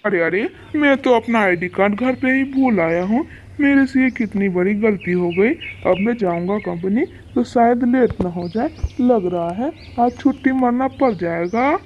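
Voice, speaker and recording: A woman's voice: a little high, lively intonation, moderate pace, lo-fi sound, a little hiss or hum, natural voice. A woman voicing a dutiful young male crow in a cartoon, earnest and mild-mannered. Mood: fretful.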